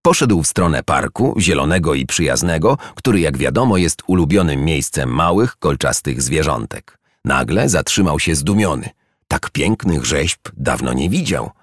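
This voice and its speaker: A man narrating a children's story in an expressive storytelling manner. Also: rumbling low, normal speed, no echo, studio quality.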